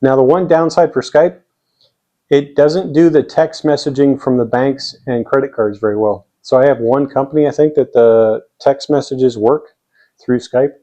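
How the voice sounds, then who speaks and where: An American vlogger with a dark-toned, mid-range voice explains things step by step to camera or screen in a plainspoken, casual style. He talks at a normal speed with fairly even intonation.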